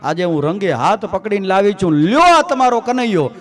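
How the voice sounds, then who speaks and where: A man voicing a furious village milkmaid who shouts accusations, in a devotional storytelling discourse. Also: sits high, expressive, moderate pace, voice pushed up. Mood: indignant. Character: furious shrieking village milkmaid, adult woman.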